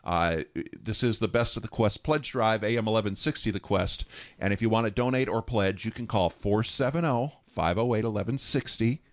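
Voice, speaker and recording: A man's voice: on the low side, normal speed, dry recording. A man co-hosting a radio pledge drive, chatty and eager. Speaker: radio co-host.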